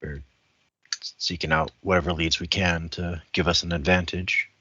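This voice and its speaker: Low, bright-edged man playing a tabletop game. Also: level tone, normal speed, muffled recording. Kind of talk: casual game chat and role-play.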